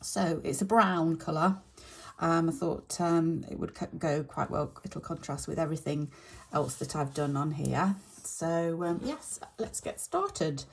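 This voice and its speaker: A middle-aged woman with a slightly croaky voice, casually chatting with many fillers while she stitches. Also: low-pitched, lively intonation, a little slow. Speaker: stitching vlogger.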